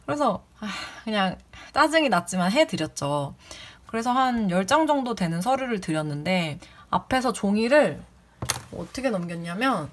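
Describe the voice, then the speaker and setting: A woman's voice: medium pitch, very animated, normal speed. Woman telling an indignant story. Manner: indignant, acts out quoted people in raised voices. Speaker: former community office clerk. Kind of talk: casual personal storytelling.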